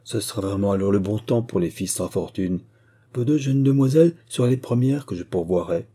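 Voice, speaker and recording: Man doing smooth flattering young squire, courtly flowery talk, dark husky voice. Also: lowish voice, brisk. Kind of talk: audiobook reading.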